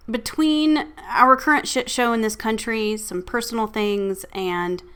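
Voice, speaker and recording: A woman's voice: medium pitch, fairly bright tone. A woman in her forties hosting her own podcast, talking candidly and casually, swearing freely and laughing at herself. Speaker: podcast host. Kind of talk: casual solo podcast talk.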